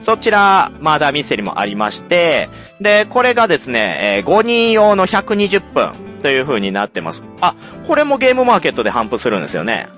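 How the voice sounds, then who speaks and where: Animated man with a lively high voice. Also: fairly quick, few pauses, soft background music. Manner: enthusiastic, animated, teasing. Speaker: host. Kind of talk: casual chat reviewing a game.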